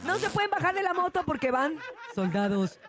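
A woman's voice: extremely high pitch, big pitch swings, brisk, background noise. A woman hosting a morning radio show, teasing and laughing her way through the banter. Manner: playful, teasing, laughing often.

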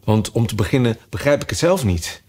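A man's voice: medium pitch, animated, fairly quick, darkish tone, lightly acted. A shy, very polite young girl from a storybook, voiced by a male reader. She sounds unsure and a little confused, her speech lifting and falling as she answers carefully. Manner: timid and very polite.

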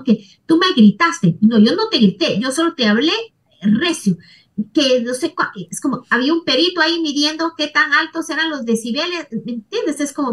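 High-voiced woman therapist explaining. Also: distant mic. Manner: storytelling, warm tag questions. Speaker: therapist, guest. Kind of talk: conversational explaining with anecdotes.

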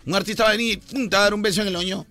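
Fast bright-voiced radio man. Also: high-pitched, fairly even intonation. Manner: teasing, playful, fast-talking. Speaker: radio host. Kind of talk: joking radio banter.

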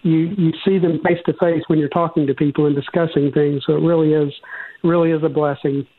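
A man's voice: on the high side, little pitch movement, fairly quick. A man with a Southern accent from Georgia, speaking conversationally as an interview guest about his work in admissions. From Georgia, USA. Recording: tinny, narrow phone-like line.

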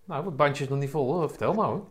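A man's voice: on the high side, fast. A man doing a casual interview, prompting informally with short interjections.

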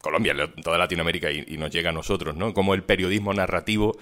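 A man's voice: sits low, little pitch movement, racing, a bit bright. A man with a Spanish accent from Spain hosting a live podcast interview, asking probing questions. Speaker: podcast host.

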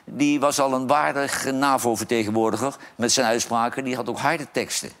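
A man talking in a mid-pitched voice at an everyday pace, blunt and outspoken. He swears freely and delivers hard opinions in a casual studio debate. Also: steady tone, normal speed, fairly bright tone. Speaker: studio pundit. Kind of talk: casual talk-show debate.

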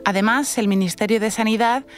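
A woman's voice: fairly high pitch, brisk, faint music behind. Woman narrating a news report.

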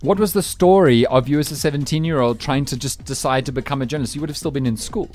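A man's voice: mid-range voice, quick pace, darkish tone, soft background music. A man hosting a breakfast radio show in a studio, talking in an effusive, playful, showman-like way. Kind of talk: upbeat breakfast radio chat.

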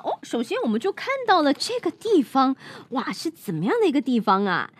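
A woman's voice: a little high, no room sound. A woman reading a picture book to children, playful and full of questions. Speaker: children's storyteller host.

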